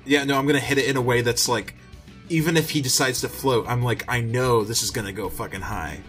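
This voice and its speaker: A man's voice: mid-range voice, fairly even intonation, fairly quick, fairly bright tone, soft background music. A man playing a tabletop role-playing game, chatting casually and informally as he says what his character does. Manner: informal, sweary.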